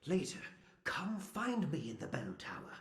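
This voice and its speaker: Very old monk, protective and weary, gravelly and animated, game dialogue in a roomy space. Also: male voice, a little high, normal speed. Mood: grave warning. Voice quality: aged, creaky. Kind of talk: video game voice acting.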